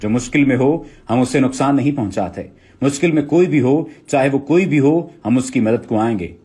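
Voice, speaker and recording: A self-assured warrior chief answers steadily, with a husky edge to the voice. A man reads him out while retelling a drama. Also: mid-range voice, moderate pace, mellow, lightly acted. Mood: resolute. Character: calm, confident male warrior chief.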